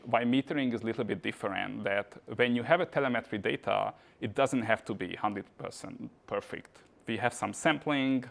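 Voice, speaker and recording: Giving an informal tech meetup talk at the venue, this Hungarian conference speaker leans heavily on "uh" and "kind of." His voice sits on the low side, with vocal fry and a bit of brightness.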